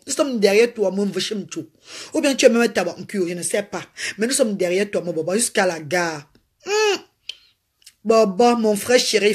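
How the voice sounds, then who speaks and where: A woman's voice: medium pitch, a little mellow, husky. A woman hosting a casual live stream, talking animatedly and repetitively to her viewers and greeting them by name. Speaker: live-stream host selling a slimming potion.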